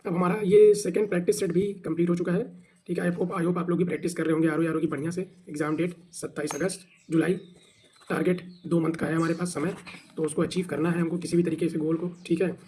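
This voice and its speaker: Speaking quickly in a fairly high, dark voice with little pitch movement, this Hindi teacher leads an exam practice session over slight background noise. He works through questions he poses and answers himself, sometimes spelling words letter by letter.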